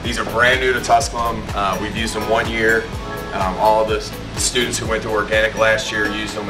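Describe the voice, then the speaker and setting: A man, a chemistry professor, explaining lab equipment in a relaxed way, with many fillers. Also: fairly low pitch. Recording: distant mic with loud music underneath.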